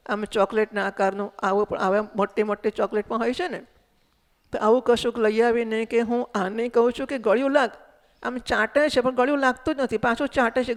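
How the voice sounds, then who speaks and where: A woman teaches spiritual philosophy. She has a gravelly edge to her voice and asks her listeners questions as she explains. The sound carries a long echo from a large hall. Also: fairly high pitch, fairly even intonation, a little fast. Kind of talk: Vedanta discourse. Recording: echoey hall recording.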